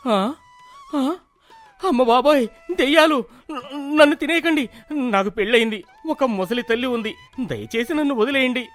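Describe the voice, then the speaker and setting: A man's voice: a little high, sing-song, moderate pace, a bit bright, faint music behind. A man voicing a weary young farmer husband in a cartoon, pleading and exasperated, caught between quarrels. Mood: frightened. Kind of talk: cartoon voice acting.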